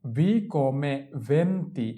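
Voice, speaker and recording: Very slow, lively-pitched language teacher. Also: female voice. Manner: spells words letter by letter and repeats each word three times. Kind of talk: slow spelled-out language lesson.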